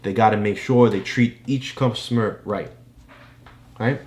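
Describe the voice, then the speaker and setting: This is a parent acting as tutor, unhurriedly going over a book with a child in a laid-back read-along. The medium-pitched voice has a darkish tone, the adult keeps checking whether the child understands, and the space sounds echoey.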